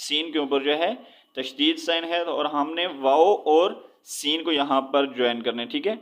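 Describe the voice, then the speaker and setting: Male Quran teacher, slightly raised voice, patient, drawn-out spelling of letters. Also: a little high, a bit bright. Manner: drawn-out recitation of words, explaining with repeated checks. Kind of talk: slow spelled-out recitation lesson.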